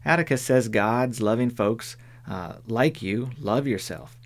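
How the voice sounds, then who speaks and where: A man voicing a young, stubborn tomboy girl in an audiobook, speaking bluntly in a raised pitch. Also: a little slow, lightly acted. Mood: earnest. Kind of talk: audiobook character voice.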